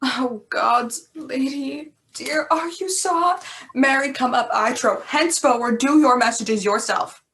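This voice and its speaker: Woman as old nurse, grumbling, sighing, slow, slightly high voice. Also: a bit bright, slight background noise. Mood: teasing. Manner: sighing, complaining, drawn out. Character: grumbling old female nurse, weary and teasing. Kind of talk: amateur Shakespeare reading.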